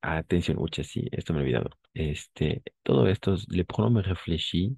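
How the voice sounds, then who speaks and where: Low, mellow-voiced male teacher drilling. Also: animated, vocal fry, breathy edge. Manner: repeats phrases slowly, drills pronunciation; checks in often with students. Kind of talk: online language lesson.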